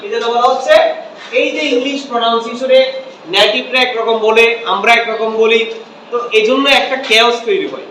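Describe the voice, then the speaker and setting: A man teaches a lesson in a high, bright voice, posing questions to his students and answering them himself. He is recorded from a distance in an echoey room with a faint hum behind him. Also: steady tone, fairly quick. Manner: switches between Bengali and English. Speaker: English teacher. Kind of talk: classroom lecture.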